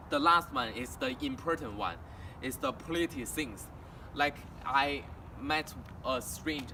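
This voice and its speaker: Walking near a house and street in a town, a young Chinese man whose first language is Mandarin presents haltingly as an international student, in a medium-pitched voice. He restarts often and uses simple learner grammar, speaking with a Chinese accent. Traffic noise fills the distant outdoor recording.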